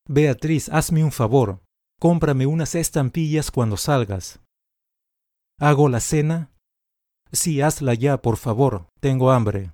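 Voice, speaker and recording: A man reading short example sentences aloud for language learners, in a slow, deliberate, carefully enunciated way. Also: medium pitch, dark tone, dry recording, studio quality. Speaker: language teacher.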